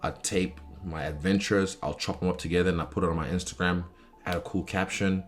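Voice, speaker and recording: A man's voice: deep voice, fairly even intonation, a little fast, soft background music. A young man talking casually and candidly about himself in an informal interview style, swearing freely. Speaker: professional fighter talking about his interests. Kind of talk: casual chat answering interview questions.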